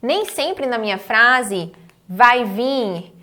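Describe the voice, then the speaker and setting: A Brazilian woman with a fairly high voice leads an online English lesson in Portuguese. She spells out each example phrase slowly, has students repeat it, and checks in with short "right?" tags. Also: expressive, sharp tone. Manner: models English phrases slowly, then prompts repetition; encouraging, checks understanding with "tá?" and "certo?". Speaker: English teacher.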